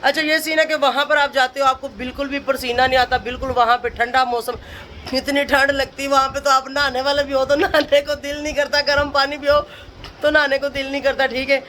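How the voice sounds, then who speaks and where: High-voiced chatty woman vlogger. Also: little pitch movement, brisk, fairly bright tone, a little hiss or hum. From Pakistan. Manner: chatty, laughs often, calls out to family. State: tired. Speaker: family vlogger. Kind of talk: casual home vlog to camera.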